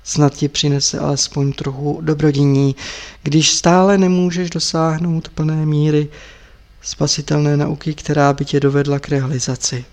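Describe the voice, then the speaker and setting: A man's voice: a little high, level tone, darkish tone, lightly acted. A man voicing a kindly older woman, the master's wife, who pleads and laments. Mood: gentle.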